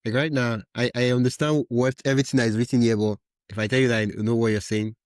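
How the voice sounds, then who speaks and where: A man's voice: medium pitch, fairly even intonation, fast talker, a little mellow, dry recording, clean studio sound. A man hosting a podcast interview, enthusiastic and given to hesitant restarts. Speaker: podcast host.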